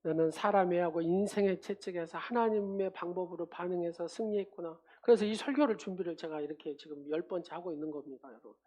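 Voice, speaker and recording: A woman's voice: lowish voice, fairly even intonation, quick pace, hardly any pauses, mellow. A woman pastor preaching a sermon at a church service, driving her points home with repeated phrases and questions to the congregation.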